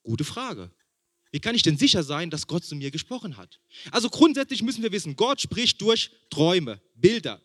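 A man preaching to his congregation, his voice somewhat higher than most men's. He stacks repeated phrases to build emphasis, then sinks to a soft, hushed delivery when he gets personal. The sound is close and dry, with no room around it. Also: dry recording. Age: young adult or middle-aged, father of a small son. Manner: preaching with rising emphatic repetition and questions to the congregation; drops to a soft hushed tone for intimate points. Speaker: pastor. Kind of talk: sermon.

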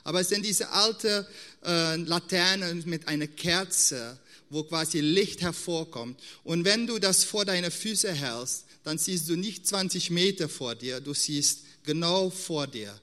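A man preaching a sermon in an earnest, unhurried way. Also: fairly high pitch, pushed and bright. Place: church hall. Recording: long hall reverb.

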